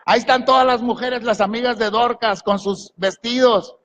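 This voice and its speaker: A pastor preaches in a voice that sits high for a man, at a moderate pace with fairly even intonation and a slightly bright tone. He drives the sermon with questions and commands to the congregation, and a large church hall adds long reverb over slight background noise.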